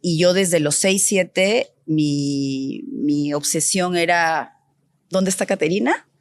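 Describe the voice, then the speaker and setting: Lively woman designer telling her story. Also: lowish voice, slow, no echo. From Peru. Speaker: guest designer. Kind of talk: casual interview chat.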